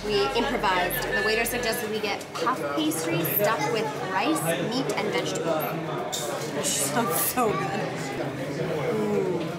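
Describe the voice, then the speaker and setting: A woman's voice: medium pitch, lively intonation, a little slow. A Canadian woman in her thirties tasting dishes and giving bubbly, enthusiastic remarks as a travel vlogger, filmed on a camera held close. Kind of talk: casual food vlog commentary. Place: busy restaurant and sweets shop indoors. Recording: loud crowd and room noise behind.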